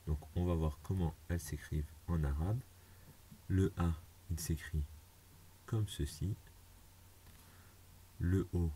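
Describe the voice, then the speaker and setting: Very deep, slow-spoken man teaching patiently. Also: warm tone, slight background noise. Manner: patient, repeats each step plainly. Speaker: Arabic teacher. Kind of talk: slow step-by-step lesson.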